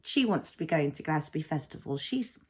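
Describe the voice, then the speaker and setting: A woman's voice: sits low, lively intonation, fast talker, husky. Rambling, reflective woman in her thirties. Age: 30s. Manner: rambling, reflective, filler-heavy. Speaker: vlogger, mother. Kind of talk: casual personal vlog.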